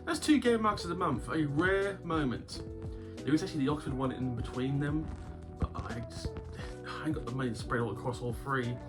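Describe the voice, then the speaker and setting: With a cough sweet in his mouth and a sore throat, a man hosts a casual game-collecting vlog on YouTube while guitar music plays. His medium-pitched voice is brisk, and his manner is rambling and wry, with plenty of chuckles.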